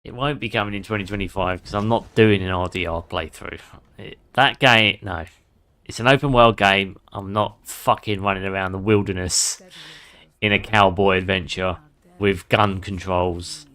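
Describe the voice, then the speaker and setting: Brit guy streaming games, lowish voice, chatty, swears a lot, laughs a bunch. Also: fairly even intonation, moderate pace, sharp tone. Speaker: gaming streamer. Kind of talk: casual gameplay commentary.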